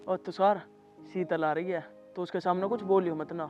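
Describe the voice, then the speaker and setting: A man as a high-voiced coaxing village lover. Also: steady tone, normal speed, muffled recording, soft background music, lightly acted.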